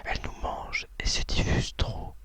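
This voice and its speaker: A soft, breathy whisper comes from a woman who hosts talk and poetry readings. She takes her time, sounding hesitant, in typical ASMR fashion.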